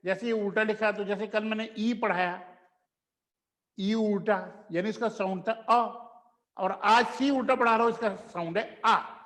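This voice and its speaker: Guy teaching a class, high voice, drags out example phrases, echoey room with a long reverb. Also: steady tone, a bit bright. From India. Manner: slowly spells out example phrases, mixing Hindi and English. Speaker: English teacher. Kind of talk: classroom lesson.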